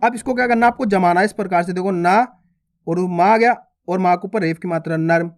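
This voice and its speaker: Male reading teacher, fairly high voice, patient and repetitive, sounds out every syllable, friendly informal tone. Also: a little fast. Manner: addresses viewers as friends, informal. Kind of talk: slow, spelled-out reading lesson.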